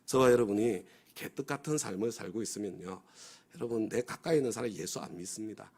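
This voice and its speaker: A man's voice: lowish voice, brisk, a little mellow, breathy edge. A male pastor preaching a dawn prayer service sermon, often asking the congregation for agreement and acting out the inner voices of complaining people. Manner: has the congregation repeat phrases after him.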